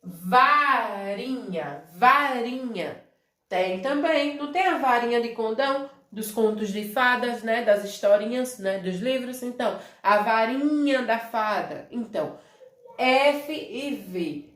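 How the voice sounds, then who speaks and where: A woman's voice: a little high, echoey room. A Brazilian woman teaching young children a review lesson, calling herself auntie and checking in with a tag question after almost every phrase. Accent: Brazilian Portuguese. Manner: speaks of herself as "tia", many tag questions like "né?" and "certo?"; drawn-out syllables when modelling words. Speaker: primary school teacher.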